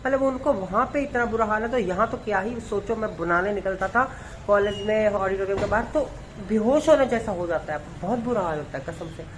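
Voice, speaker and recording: A man's voice: sits high, fairly quick, slight background noise, poor audio. A young man from Punjab, a dance content creator talking through a casual daily vlog in a chatty, rambling, playful way. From Punjab, India. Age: young adult.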